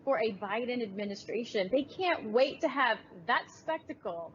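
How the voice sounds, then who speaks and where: A woman's voice: a little high, expressive, normal speed. A woman commenting as a guest on a political talk show, in a dismissive tone. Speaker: panel guest. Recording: dull lo-fi stream audio with faint noise.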